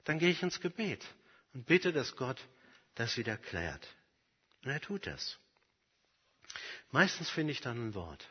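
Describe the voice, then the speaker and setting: A man preaching a sermon, earnest and emphatic, dropping at times to a soft, quiet voice. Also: medium pitch, husky. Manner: earnest, emphatic, personal examples, swings from loud to very soft. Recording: long hall reverb, dull lo-fi sound.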